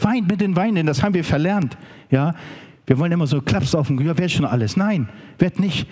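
A man's voice: a little high, dark tone, husky. A man preaching a sermon, emphatic and talking straight to his listeners. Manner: emphatic, addresses listeners directly.

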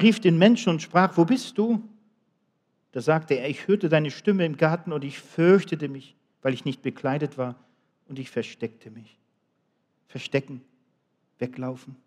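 A middle-aged man delivers a sermon in a warm, dark voice. He builds to loud, emphatic appeals and then falls to hushed, quiet remarks. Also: medium pitch. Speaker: preacher.

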